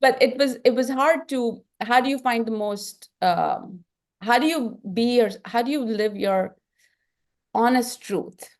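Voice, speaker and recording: A woman's voice: a little high, measured pace, a little mellow. A middle-aged woman with an Indian accent, a film director talking earnestly in an interview and thinking aloud with frequent restarts. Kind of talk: reflective interview talk.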